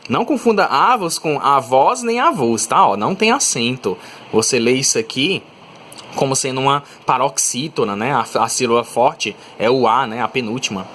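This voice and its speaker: A man's voice: mid-range voice, expressive, normal speed, a bit bright, slight background noise. A male teacher with a Brazilian Portuguese accent, giving a recorded math lesson and often checking in with students. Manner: explanatory, checks in with "tá?" and "né?", stretches out examples.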